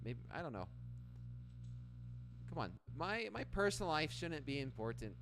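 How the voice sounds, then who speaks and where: This Canadian livestream trading host has a fairly high, sing-song voice at a moderate pace, with background noise. He chats casually with viewers, reads their comments out loud and responds, restarting often.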